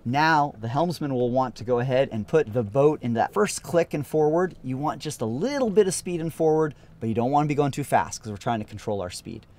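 On a sailboat outdoors, a thirty-something instructor talks casually through an upbeat, practical lesson. He has a medium-pitched, expressive, darkish voice and talks a little fast, hardly pausing.

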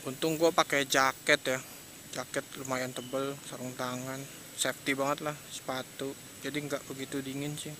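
A man's voice: medium pitch, little pitch movement, normal speed. A young man with a Jakarta accent rambling casually and hesitantly while riding a motorbike at night, through an action-cam mic. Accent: Jakarta Indonesian. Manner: slangy, hesitant, chatty, laughs often. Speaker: motovlogger. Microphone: external mic on a helmet action cam. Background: traffic and engine noise.

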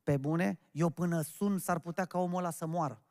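A man's voice: on the high side, darkish tone. A man preaching a sermon to his congregation as their pastor, emphatic and often calling out questions to them. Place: church hall. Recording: long church-hall reverb.

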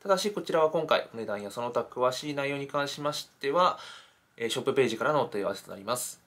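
A man's voice: mid-range voice, animated, fast, fairly bright tone. A man presenting products for a shoe shop, using polite, formal customer-service keigo. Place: indoors in a small shoe shop.

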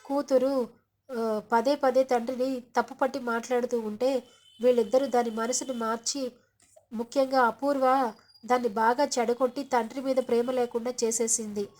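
A woman narrating a retelling of a TV serial episode in a plain, measured way. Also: on the high side, steady tone, a little mellow. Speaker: storyteller.

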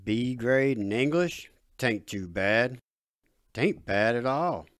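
A man reading the part of a gruff but proud middle-aged redneck father with a drawl. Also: medium pitch, very animated, measured pace, a bit bright, dry recording, studio quality. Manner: drawling dialect.

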